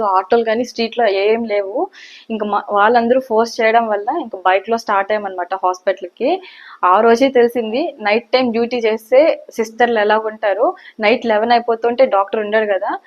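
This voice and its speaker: Young woman vlogger, brisk chatty storyteller, slightly high voice, dull lo-fi audio. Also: steady tone. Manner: chatty, rambling, repeats "anamaata" often. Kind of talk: casual first-person storytelling. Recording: dull lo-fi sound.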